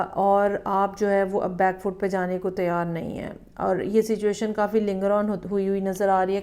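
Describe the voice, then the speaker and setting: A woman giving a weekly tarot horoscope reading in a measured, explanatory way, often checking in with the listener. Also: medium pitch, dark tone. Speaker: tarot reader.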